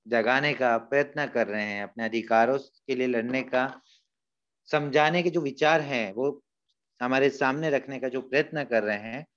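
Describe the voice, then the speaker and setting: A man's voice: mid-range voice, a bit bright, highs cut off. A male school teacher explaining a story in a class lesson, patiently retelling and explaining lines.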